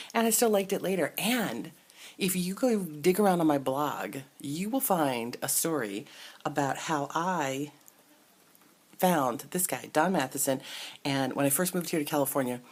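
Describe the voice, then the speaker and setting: Husky low-voiced woman chatting about toys. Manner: chatty, musing aloud with fillers and soft asides. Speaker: entertainment reporter and toy collector vlogger. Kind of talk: casual show-and-tell toy review. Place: indoors at a table with the toys. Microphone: camera mic close by.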